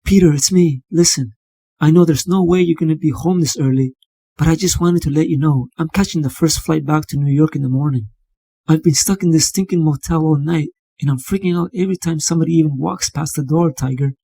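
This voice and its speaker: Fretful young woman, as a man voices her, rambling on about her worries in a higher, husky register. The tone is mellow and dark, and the read is close and dry for a motion comic. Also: a little fast, dry recording. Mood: anxious. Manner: anxious, rambling.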